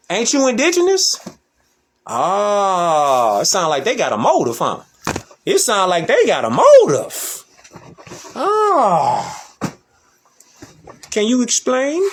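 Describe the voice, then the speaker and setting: A man with a high, lively voice delivers preachy commentary in casual street slang. He hammers his points home and keeps repeating himself. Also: slight background noise. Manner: emphatic and repetitive, in casual slang.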